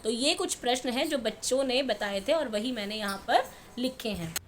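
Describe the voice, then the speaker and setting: A woman's voice: on the high side, expressive, a little hiss or hum. A woman teacher patiently explaining a textbook lesson to young children step by step. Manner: patient, step-by-step, repeats answers slowly. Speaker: primary school teacher.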